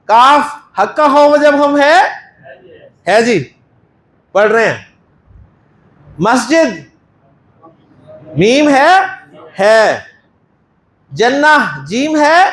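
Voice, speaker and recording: A man with a Pakistani Urdu accent teaches Arabic grammar for reading the Quran in a mosque classroom. His voice sits high for a man and he speaks slowly and deliberately. He keeps putting questions to his students and praising their answers. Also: fairly bright tone, roomy sound.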